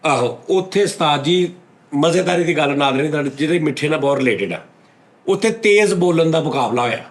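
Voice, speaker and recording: A man hosting a comedy chat show, telling playful stories and rattling off rapid counts. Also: fairly high pitch, animated. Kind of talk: jokey studio chat.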